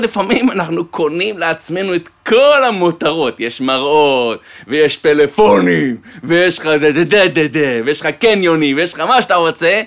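Man preaching with jokes, bright tone, very lively delivery, storyteller. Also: on the high side. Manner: animated storyteller, addresses listeners fondly. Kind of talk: sermon with joke-telling.

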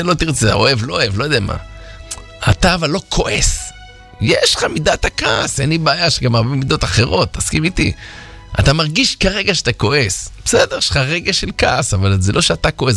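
Lively, animated man leading an exercise. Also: medium pitch, gravelly. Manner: animated, rhetorical, playfully teasing. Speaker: self-help workshop instructor. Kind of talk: guided exercise with listeners. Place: radio studio.

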